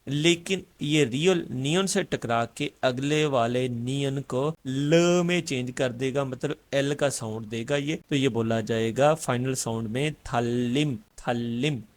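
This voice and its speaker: A man with a Pakistani Urdu accent teaches an online language lesson. He explains each rule patiently and slows down to repeat the example words. His voice sits at an ordinary middle pitch for a man.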